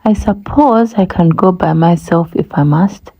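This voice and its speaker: A woman's voice: lowish voice, unhurried, husky, lo-fi sound. A woman voicing a determined male elephant in a storybook read-aloud, urging the others on. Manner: urging, a little disgusted.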